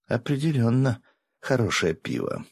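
A man reading an audiobook, voicing a nosy, pushy young woman journalist with excitable questions. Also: medium pitch, moderate pace, slightly rough, no room sound, pitched above the performer's own voice. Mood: muttering.

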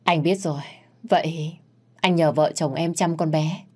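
A woman's voice: sits low, steady tone, unhurried, darkish tone, slightly rough. A woman voicing a widowed father who gives short, terse replies. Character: grieving widowed father, a man worried for his daughter.

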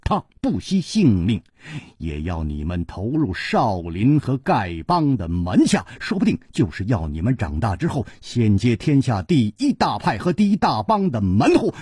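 A man voicing a clever, calm swordsman hero who reasons things out and sighs wearily. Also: fairly high pitch, husky, no echo, studio quality, full character voice. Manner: probing, reasoning, sighing.

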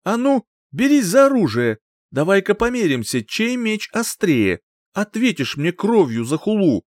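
A man voicing a boastful, hot-tempered young rival who boasts and rages in a shrill tone. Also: big pitch swings, darkish tone, no echo, studio quality. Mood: furious. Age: young adult. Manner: boastful, shrill, quick to rage.

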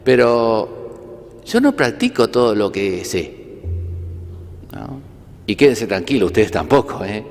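Priest preaching in a reverberant church. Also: male voice, lowish voice, sing-song, slow pace, pauses often, faint music behind. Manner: conversational, with asides and rhetorical questions; gently humorous. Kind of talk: homily.

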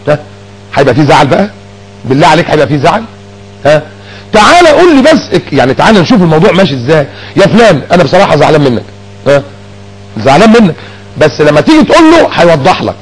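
A man's voice: fairly high pitch, wildly swooping pitch, rapid-fire, pauses often, slightly rough, rough recording. A man preaching a colloquial sermon in an Egyptian accent, dramatically acting out dialogues in shifting voices. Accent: Egyptian Arabic.

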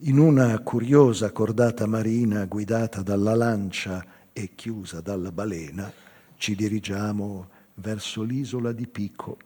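Faint live music accompanies a dramatic literary reading by an older man whose voice is husky, dark, and fairly low. He speaks slowly and theatrically with fairly even intonation, his phrases rising and falling to a hush. A long reverb from the hall surrounds the sound.

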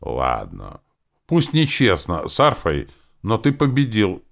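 A man's voice: extremely low pitch, very animated, measured pace, vocal fry, heavily acted. Man doing a sullen spiteful she-demon. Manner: moaning and hissing.

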